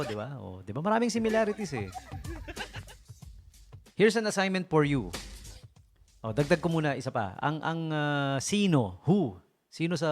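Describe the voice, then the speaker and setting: Man, radio DJ, joking, chuckling, lively pitch, music underneath. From Philippines. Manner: joking, chuckling often, animated. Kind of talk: casual radio storytelling. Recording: radio broadcast with music behind.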